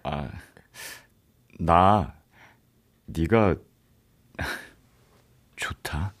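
Tender young soldier off duty, husky, lively pitch, radio drama. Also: male voice, normal speed. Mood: wistful, halting. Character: affectionate young man, a student on army leave.

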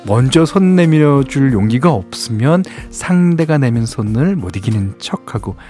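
Male radio host, mid-pitched, conversational patter, studio mic. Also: lively intonation, moderate pace, darkish tone, faint music behind. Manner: chatty and conversational, with frequent affirming asides. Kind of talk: radio show chat reading listener messages. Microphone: studio microphone, close and dry.

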